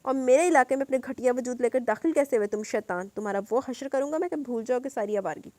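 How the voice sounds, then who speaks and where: A woman voicing a harsh, short-tempered young man who shouts threats at attackers. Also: high-pitched, dry recording, natural voice. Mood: enraged. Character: furious young man, harsh cousin hero.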